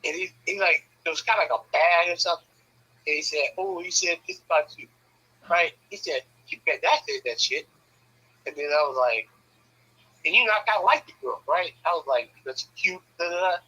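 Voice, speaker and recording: A man's voice: fairly high pitch, brisk, bright, forceful tone, breathy edge, poor audio. A man casually telling a rambling, profane story, often checking in with "right?". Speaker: podcast host telling a story.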